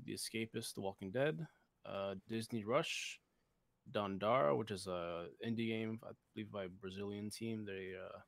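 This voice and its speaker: A man's voice: fairly low pitch, vocal fry, no echo. A man co-hosting a casual gaming podcast, easygoing, running down the week's topics with fillers. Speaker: podcast co-host.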